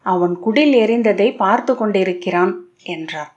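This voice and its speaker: A woman reads a novel aloud in a steady, literary storytelling manner. Her voice sits at a middling pitch. The recording is muffled and lo-fi. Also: moderate pace. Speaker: audiobook narrator. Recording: dull lo-fi audio.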